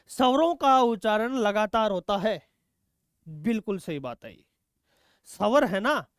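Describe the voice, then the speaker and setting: A male teacher with an extremely high, fairly bright, smooth voice leads an exam-prep quiz lesson, posing questions, answering them himself, and calling his students "beta." The sound is studio quality with no echo.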